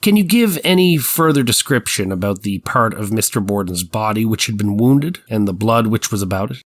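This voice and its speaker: In this dramatized trial reading, a man's lowish voice comes through animated and moderately paced. Cast as an 1890s prosecutor, he poses exact, formal, methodical questions to a witness, and his tone stays probing and formal throughout the courtroom transcript performance.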